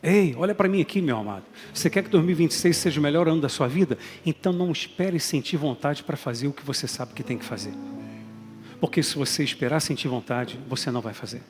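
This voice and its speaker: Emphatic preacher in an echoing hall. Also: male voice, fairly high pitch, fast talker, a little mellow. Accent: Brazilian Portuguese. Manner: emphatic, calls out to congregation. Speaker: bishop preaching. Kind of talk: sermon. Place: large church hall. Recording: long hall reverb, faint music.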